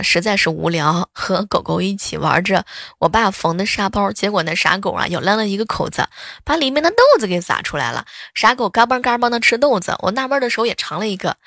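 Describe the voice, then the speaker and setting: A woman's voice: mid-range voice, vocal fry, a bit bright, dry recording, clean studio sound. A woman host telling playful, chatty funny anecdotes. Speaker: radio-style host. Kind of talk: humorous anecdote storytelling.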